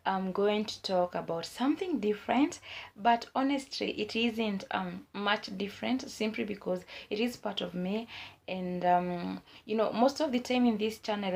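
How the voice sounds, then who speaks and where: A young woman YouTube vlogger from Kenya, her mid-range voice hoarse from a cold, gives earnest advice casually, using many fillers.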